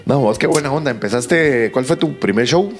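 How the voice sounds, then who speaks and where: A man hosting a casual interview in Guatemalan Spanish, friendly with quick backchannels. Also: medium pitch, expressive, soft background music. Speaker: interview host.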